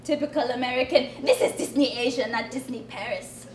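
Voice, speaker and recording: A woman playing a bossy, deadpan, scheming theme park worker in an improv comedy scene, giving curt commands. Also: fairly high pitch, brisk, slight background noise, natural voice. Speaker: improv performer. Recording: echoey room, from far off.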